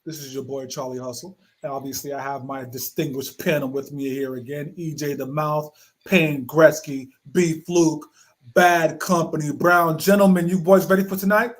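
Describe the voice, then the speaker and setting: A man's voice: on the high side, fairly even intonation, normal speed. A man hosting a wrestling podcast, leading his panel with an emphatic, showman-style delivery. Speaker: podcast host. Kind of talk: casual podcast chat.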